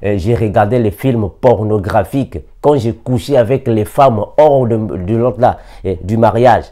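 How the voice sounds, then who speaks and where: A man's voice: fairly low pitch, a little slow, dark tone. A man from Africa preaching a sermon, repeating scripture references and reading verses with emphasis.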